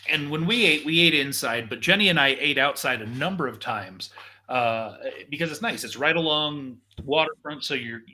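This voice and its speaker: Bright, forceful male host. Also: on the high side, animated, normal speed, slight background noise. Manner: enthusiastic, tour-guide style explaining. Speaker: show host. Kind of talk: casual live-show chat narrating video footage.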